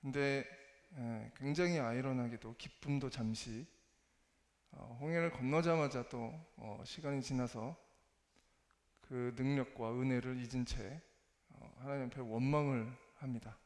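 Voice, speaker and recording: Halting man speaking in an echoey hall. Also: medium pitch, fairly even intonation, a little mellow. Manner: halting, hesitant, self-deprecating. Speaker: church member giving a testimony. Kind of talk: church testimony, spoken sermon. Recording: echoey hall with long reverb.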